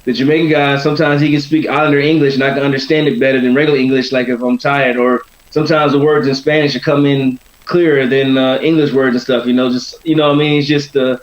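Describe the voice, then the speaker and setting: A man's voice: medium pitch, flat delivery, fast talker, hardly any pauses. A man chatting casually as a boxer in an interview, rambling and often tagging on "you know". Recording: roomy, dull lo-fi sound.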